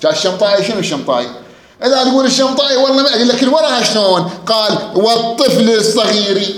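A man with an Iraqi accent teaching a grammar lecture, chanting quoted verse slowly and quizzing listeners with rhetorical questions. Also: very high voice, lively intonation, fairly bright tone. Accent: Iraqi Arabic. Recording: echoey room.

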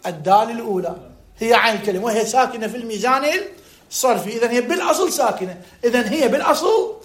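A man with an Iraqi Arabic accent teaching a classroom lesson, dictating slowly with drawn-out words and quizzing his students. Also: extremely high pitch, expressive.

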